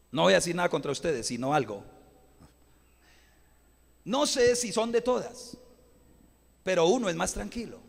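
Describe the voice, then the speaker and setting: A man preaching a live sermon, impassioned, swinging from shouts to quiet asides, in a church. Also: high-pitched, creaky. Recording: live church audio with long reverb.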